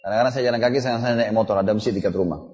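A man's voice: lowish voice, very fast, a little mellow, long reverb tail, soft background music. A middle-aged man, preaching a sermon and telling personal stories, speaking conversationally and addressing the audience directly.

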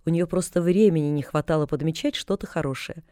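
An audiobook narrator with a mellow, low-sitting voice reads a storybook in scripted narration, speaking a little fast. The studio sound is clean, with no echo.

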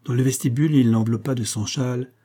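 A man narrating a classic novel in a measured, literary way. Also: mid-range voice, steady tone, warm tone. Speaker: audiobook narrator.

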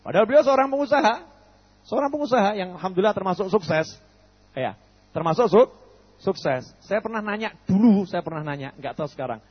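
In a fairly quick, animated sermon, a man playing out dialogues quizzes his audience and responds to himself. The preacher's voice is husky and pitched high. Long hall reverb and a dull, lo-fi quality color the recording.

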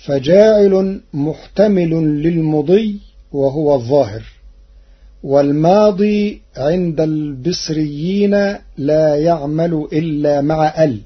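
A man presenting on the radio in scripted explanatory commentary, quoting verses slowly and carefully. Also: a little high, husky. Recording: muffled old radio recording.

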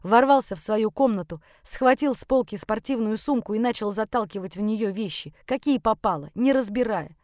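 A woman's voice: on the high side, normal speed, few pauses, darkish tone, dry recording. Woman, audiobook narrator, first-person, tense, bitter, dry.

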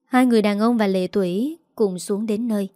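A woman narrating an audiobook story in a steady, even manner. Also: medium pitch, a little fast, dry recording, studio quality.

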